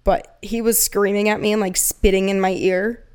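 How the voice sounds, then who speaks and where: A young woman co-hosting a podcast, chatting casually and telling animated stories with plenty of swearing. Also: mid-range voice, normal speed, clear, resonant tone. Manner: swears freely, animated storytelling. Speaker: podcast co-host. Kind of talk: casual chat.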